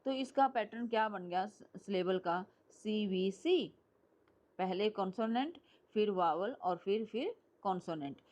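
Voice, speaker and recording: Slow, patient woman teaching. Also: medium pitch, lively intonation, a little mellow, highs cut off. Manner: explains step by step, often checks "clear?". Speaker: English teacher. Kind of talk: classroom lecture mixing Hindi and English.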